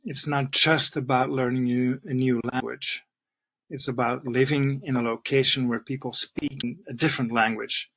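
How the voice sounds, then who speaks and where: A middle-aged Flemish man speaks English with his native accent, talking straight to the camera as a language teacher. He sounds earnest and heartfelt, and he addresses the viewer warmly. His voice sits at an ordinary male pitch. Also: steady tone, normal speed, poor audio. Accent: Flemish Belgian. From Belgium (Flanders, near Antwerp). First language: Dutch (Flemish). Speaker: language teacher and channel host. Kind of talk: personal channel introduction to camera.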